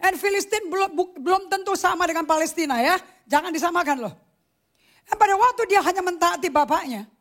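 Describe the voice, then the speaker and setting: Very high-voiced emphatic woman preacher. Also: a little fast. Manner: animated, emphatic, mixes English phrases. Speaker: pastor. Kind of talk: sermon.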